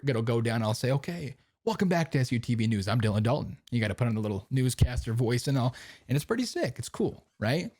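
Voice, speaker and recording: A man's voice: medium pitch, darkish tone, no echo, clean studio sound. A young man hosting his own podcast, talking casually and rambling in slang, often asking "you know what I mean". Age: young adult. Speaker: podcast host. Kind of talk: casual chat. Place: home recording setup.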